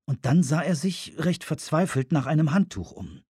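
A man narrating an audiobook in a wry, measured storytelling manner on a close microphone. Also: on the high side, lively intonation, warm tone, husky, dry recording. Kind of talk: scripted narration.

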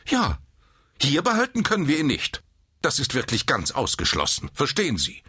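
Guy putting on a strict lady nurse, curt and prim, way up high in his voice. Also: sing-song, fairly quick, a bit bright, husky, dry recording, clean studio sound, exaggerated voice. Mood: stern. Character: stern, prim hospital nurse, a woman.

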